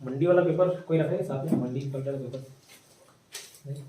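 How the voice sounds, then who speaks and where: A man teaching a maths class, slowly dictating theorems and repeating each phrase for students to write down. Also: medium pitch, dark tone, slight background noise. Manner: slow repeated dictation, mixing Hindi with English terms. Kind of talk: classroom lecture, dictating notes. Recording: echoey room, voice from a distance.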